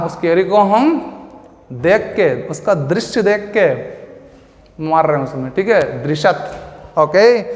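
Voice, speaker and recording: A male teacher giving an exam-prep vocabulary lesson, who repeats words, asks and answers his own questions, and uses playful memory tricks. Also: sits high. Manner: playful memory tricks, addresses listeners as beta and bhaiya. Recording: echoey room with long reverb.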